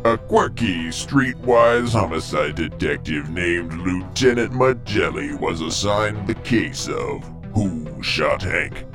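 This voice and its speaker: A man narrating a mystery serial like an old radio drama narrator, with theatrical, deliberate delivery and suspenseful pauses. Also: low-pitched, expressive, shouting, over music.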